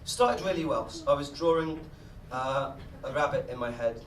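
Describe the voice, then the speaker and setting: A man's voice: medium pitch, moderate pace. A man performing as a stage mind reader, commanding and intense with a wry, dry humour, delivering live magic show patter. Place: stage in a live venue with audience. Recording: noisy echoey live venue, distant mic.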